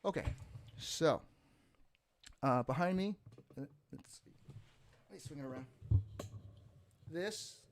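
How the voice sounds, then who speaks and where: A man's voice: on the high side, lively intonation, takes it slowly, pauses often. A man chatting casually on a live stream, his voice run through an added reverb effect. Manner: chatty, rambling, self-correcting. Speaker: musician hosting a live Q&A stream. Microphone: studio condenser mic.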